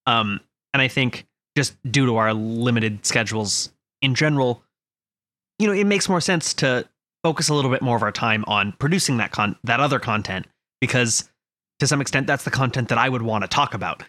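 A man's voice: medium pitch, a little fast, bright, forceful tone, no room sound. A young man co-hosting a podcast, playful and jokey, fond of wordplay. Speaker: podcast co-host. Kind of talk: casual podcast chat.

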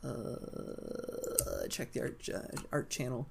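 A man's voice: mid-range voice, takes it slowly, creaky, noisy background. Easily amused man in casual chat. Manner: laughs often, animated, swearing. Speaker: podcast co-host.

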